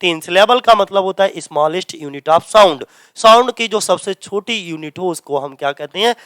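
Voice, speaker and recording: A man's voice: sits high, fairly bright tone, smooth, no echo. Guy teaching lit for exams, keeps asking the class stuff and answering it himself, clean dry sound. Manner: repeats questions to the class and answers them; reads English lines slowly, then explains in Hindi. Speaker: English literature teacher. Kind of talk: exam-prep lecture in Hindi mixed with English. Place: coaching centre classroom.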